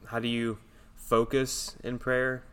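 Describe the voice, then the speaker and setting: A man's voice: mid-range voice, completely flat delivery, slow, fairly bright tone, smooth. Easygoing man in an echoey church sanctuary. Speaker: podcast co-host.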